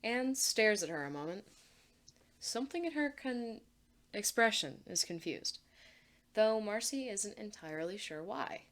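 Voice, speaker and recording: A woman reading a fan fiction story aloud, giving measured narration with rising and falling pitch. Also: expressive, a bit bright.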